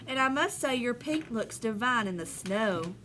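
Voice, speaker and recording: A woman's voice: a little high, expressive, moderate pace, noisy background, natural voice. A woman voicing a frantic, bossy old Santa in a storybook, calling out emphatically. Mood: eager, urging.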